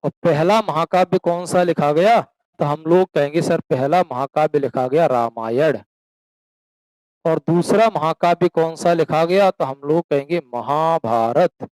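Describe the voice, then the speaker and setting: A man's voice: on the high side, a little mellow, no room sound, low-quality recording. A man teaching a classroom lecture, asking questions and answering them himself, addressing students as beta and slipping into rural dialect for examples. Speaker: coaching teacher.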